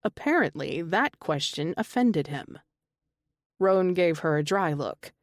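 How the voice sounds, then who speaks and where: A woman's voice: on the low side, lively intonation, unhurried, dry recording, studio quality. A woman narrating a romance audiobook, reading every character herself with small shifts in her voice.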